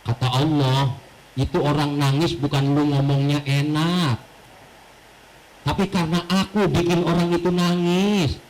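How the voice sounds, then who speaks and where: Male preacher, high voice, slow delivery, lively joking sermon in a mosque, noisy recording. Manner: animated storytelling with jokes and Arabic quotations. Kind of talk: mosque study-circle sermon. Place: mosque hall.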